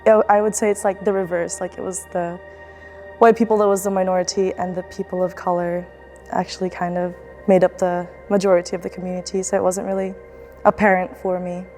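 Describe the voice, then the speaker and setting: A woman's voice: lowish voice, flat delivery, brisk, dark tone, soft background music. A young woman student athlete from the Philippines, speaking in a casual, reflective documentary interview with fillers and restarts. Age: young adult.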